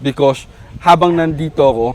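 A man with a Filipino accent, a dog trainer coaching an owner outdoors with calm, repeated short commands. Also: a little high, moderate pace.

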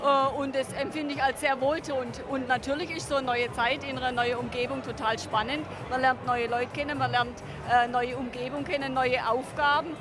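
A middle-aged woman answers interview questions in a busy beer tent. Her voice is high, with music and a crowd clearly audible behind it. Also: steady tone, moderate pace, hardly any pauses. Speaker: state parliament member, interview guest. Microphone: handheld reporter microphone held to her.

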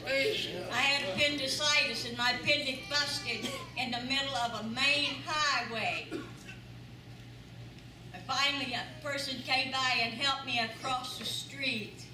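In a big church sanctuary before an audience, an older woman delivers an earnest, emphatic testimony, repeating phrases for weight. Her voice is high-pitched with a sharp tone, and it sounds distant in the echoey, noisy recording.

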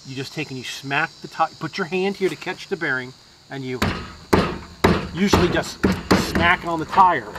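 Out in a yard, a DIY mechanic narrates a casual repair job, thinking aloud with fillers and restarts, recorded on a head-mounted camera. His voice is medium-pitched. Background noise includes crickets and insects.

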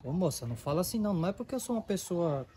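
A man with a Brazilian Portuguese accent does a full character voice in an amateur comedy skit, playing a humble, patient man lecturing a rude girl. His high, mellow, slightly rough voice swings widely in pitch and comes out rapid-fire, in a patient, moralizing manner.

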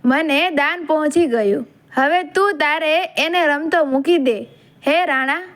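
A woman's voice: high voice, a little slow, a bit bright. A woman voicing a male bard poet who chants verses in a storybook folk tale. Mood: pleading. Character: bold male bard poet begging a gift.

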